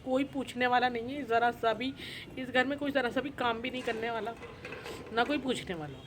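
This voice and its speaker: A woman's voice: a little high, fairly quick, background noise. A middle-aged woman vlogger speaking to camera in a sorrowful, plaintive way, repeating her complaints. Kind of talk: emotional personal confession to camera.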